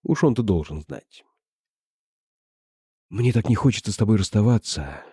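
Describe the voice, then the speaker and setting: A man voicing a gentle, earnest young woman of nineteen, speaking softly and plainly in a deep, dark voice. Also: animated, moderate pace, slightly rough, dry recording, studio quality.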